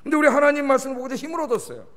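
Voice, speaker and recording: A man preaching as a pastor at a midweek service, animated and often prompting the congregation for a response. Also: very high voice, racing. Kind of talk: sermon. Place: large church sanctuary. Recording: long reverb of a large church hall.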